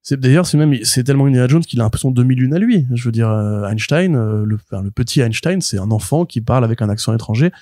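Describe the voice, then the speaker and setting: A man co-hosting a comics podcast, retelling a plot in an animated, rambling way full of fillers and restarts. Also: medium pitch, fast talker, hardly any pauses, no echo, studio quality. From France. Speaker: podcast co-host, comics reviewer. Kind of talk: casual podcast chat.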